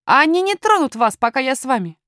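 A bold, earnest young miner boy from a storybook, put on by a woman reader. He speaks firmly and matter-of-factly, in a high, lively voice. The sound is close and dry. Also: a little fast, dry recording, full character voice. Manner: firm, matter-of-fact, lecturing. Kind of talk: audiobook character voice.

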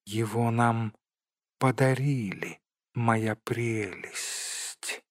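A hissing, wheedling male cave creature, put on by a man reading a storybook aloud. He mutters to himself in a hushed, dry, close voice, slow and sly. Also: medium pitch, dry recording. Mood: whispering. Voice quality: hissing whisper.

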